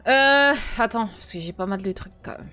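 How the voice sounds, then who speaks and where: A woman's voice: a little high, lively intonation, normal speed, sharp tone, clean tone, soft background music. A young woman streaming from home, chatting casually in slangy banter and reading her chat aloud.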